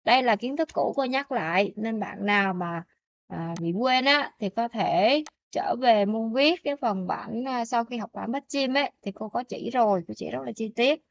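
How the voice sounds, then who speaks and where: A woman teacher explaining pronunciation rules in a language lesson, often checking in with her students with quick questions. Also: on the high side, gravelly, dull audio.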